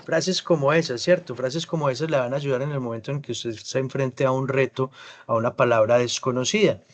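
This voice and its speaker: A man teaching an English class over a video call, explaining patiently and slowly modeling English words. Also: mid-range voice, fairly even intonation. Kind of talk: online class feedback.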